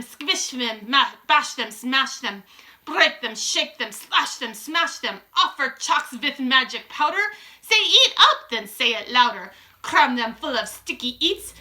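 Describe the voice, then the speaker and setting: A wicked old storybook witch acted out by a woman shouts in a high, piercingly sharp voice. She is imperious and gloating, turning broken-grammar commands into a triumphant sing-song chant. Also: heavily acted. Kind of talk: dramatic storybook read-aloud.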